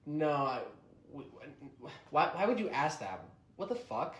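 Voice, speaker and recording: A man's voice: a little high, very animated, unhurried, fairly bright tone. A man in casual, acted comedy dialogue, with an awkward, hesitant delivery. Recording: roomy echo.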